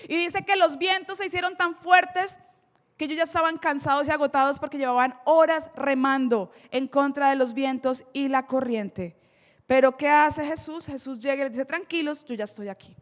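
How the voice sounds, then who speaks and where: A woman's voice: high-pitched, steady tone, in a large hall. A woman preacher with a Colombian accent giving an emphatic sermon, dramatically retelling scripture in a church. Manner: emphatic, dramatic storytelling, slows for key lines.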